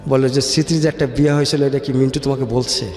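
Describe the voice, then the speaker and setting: Music plays behind him in an echoey, reverberant room as a man with a Bangladeshi accent tells his life story for a radio interview. His medium-pitched voice is steady and a little mellow, moving at a quick pace, and he drops in English words while checking the listener understands.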